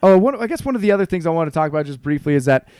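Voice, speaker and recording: A man co-hosting a casual sports podcast, chatting quickly through football analysis. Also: a little high, sing-song, a little mellow, smooth, dry recording, studio quality. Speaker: podcast co-host.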